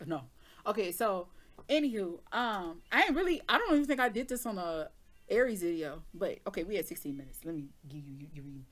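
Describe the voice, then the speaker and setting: A woman's voice: on the low side, animated, fairly quick. A woman doing a casual tarot reading who talks candidly, jokes, laughs often and swears now and then. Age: adult with children. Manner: candid, joking, with frequent laughs and mild swearing. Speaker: tarot reader.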